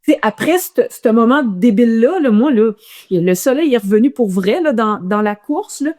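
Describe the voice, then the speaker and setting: A woman with a Quebec French accent, a runner telling a guest's stories in a casual interview, animated and full of restarts. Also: on the high side, moderate pace.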